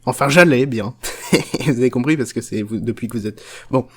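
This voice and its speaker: A man's voice: medium pitch, normal speed, fairly bright tone, close to an everyday voice. Willy Wonka, a man doing a foul-mouthed, rambling candy boss. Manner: rambling, swearing, offhand and mocking. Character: crude, foul-mouthed, unhinged chocolate factory owner. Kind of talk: comic parody storytelling.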